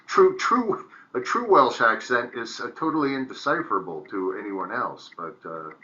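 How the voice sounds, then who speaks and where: A man's voice: mid-range voice, lively intonation, a little slow, pushed and bright, muffled recording. A man who does voiceover work, chatting and joking on a podcast in a rambling, casual way. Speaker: voice actor, co-host.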